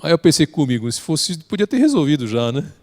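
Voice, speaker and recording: A man's voice: on the high side, sing-song, brisk, a little mellow. Storytelling Brazilian man with reverb. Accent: Brazilian Portuguese. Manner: tags sentences with a questioning "né?". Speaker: religious study instructor. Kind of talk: storytelling lecture. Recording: long hall reverb.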